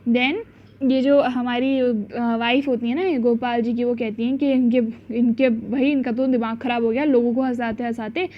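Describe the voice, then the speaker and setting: A woman teacher explaining a school story chapter, mixing languages, acting out the quotes and reading English lines slowly. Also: a little high, steady tone. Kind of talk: storybook lesson in Hindi and English. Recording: dull lo-fi sound.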